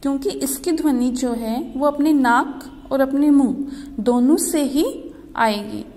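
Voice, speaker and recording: A high-voiced woman teacher speaks slowly to small children, drawing out each word and quizzing them so they repeat after her. Her voice rings in a reverberant space. The pace stays patient and unhurried. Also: mellow. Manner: slow, drawn-out word-by-word reading with repeated questions. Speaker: primary school Hindi teacher.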